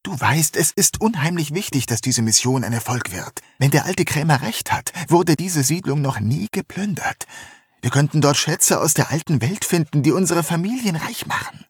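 A woman's voice: sits low, lively intonation, normal speed, husky, no room sound, studio quality, voice pushed up, exaggerated voice. A man reading aloud, voicing a determined young woman who keeps her quarrelling companions in line, scolding and urgent. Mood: earnest.

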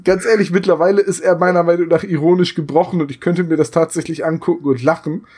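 A man's voice: on the high side, steady tone, quick pace, a little mellow, slightly rough. A man chatting casually as a podcast co-host, telling stories with amusement. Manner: chatty storyteller, retells jokes with amusement. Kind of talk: casual chat.

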